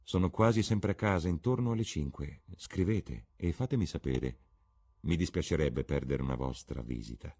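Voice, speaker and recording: A man voicing a witty, cynical English lord who lectures with irony in a deep, husky voice. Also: moderate pace, a little mellow. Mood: urbane. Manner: ironic, lecturing. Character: witty aristocratic older gentleman, cynical, languid.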